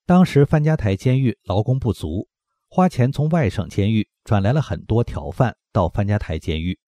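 A man with a low voice reads a scripted news report in a steady, measured delivery. His pitch moves a lot from phrase to phrase, and the recording sounds dry and close. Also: no echo. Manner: steady read-aloud delivery. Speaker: news reader.

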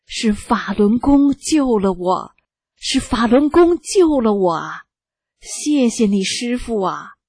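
A woman's voice: mid-range voice, darkish tone, breathy edge, no echo, studio quality. A woman voicing a poor old woman who collects scrap, speaking with tearful gratitude in a read-aloud story. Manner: grateful, emotional pleading.

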